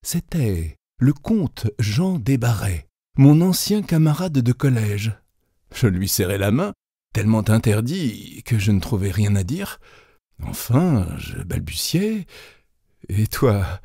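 Male narrator, literary story reading, deliberate, dark mellow voice, dry close sound. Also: fairly low pitch, very animated, gravelly, husky, dry recording.

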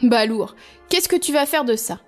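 Two smug young noblemen tease their simple brother with scornful remarks, as a woman reads them aloud. The voice stays close to her own, a little higher than most women's. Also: lively intonation, moderate pace, faint music behind, close to an everyday voice. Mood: mocking.

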